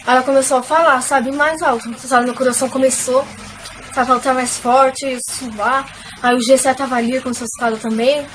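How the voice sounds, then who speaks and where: A woman's voice: high voice, fairly even intonation, fairly quick, fairly bright tone, slight background noise, low-quality recording. A young woman, emotionally telling viewers a personal faith testimony in a casual, filler-filled way. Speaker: vlogger.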